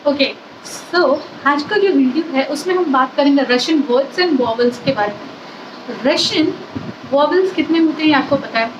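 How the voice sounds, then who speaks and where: A woman's voice: high-pitched, noisy background. A woman teaching a language lesson, explaining step by step and mixing English phrases into her Hindi. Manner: slow and deliberate when reading English lines.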